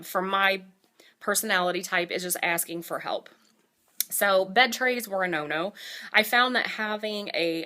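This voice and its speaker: A woman's voice: mid-range voice, sharp tone. A woman vlogger telling a personal story in a casual, candid, conversational way, with dry asides. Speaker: vlogger giving a surgery recovery update.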